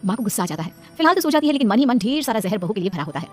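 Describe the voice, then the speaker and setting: A woman narrating a cartoon moral story in rapid storybook style. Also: mid-range voice, sing-song, soft background music.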